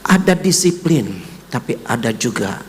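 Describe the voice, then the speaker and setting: A man's voice: big pitch swings, unhurried, big-room sound, slight background noise. A man preaching a sermon with a personal testimony, speaking emotionally and addressing the listeners directly. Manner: emotional, voice rising to high cries when quoting his son. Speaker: pastor.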